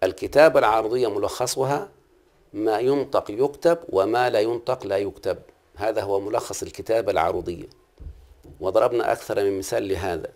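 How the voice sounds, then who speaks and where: A man's voice: on the low side, a little fast, a little mellow. A middle-aged man with an Egyptian Arabic accent, teaching a class and patiently quizzing the students, repeating key terms. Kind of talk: classroom lesson on Arabic prosody.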